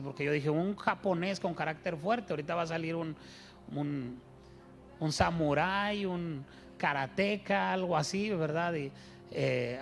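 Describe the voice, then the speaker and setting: A man preaching a sermon as pastor, telling stories and asking his congregation rhetorical questions. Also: sits high.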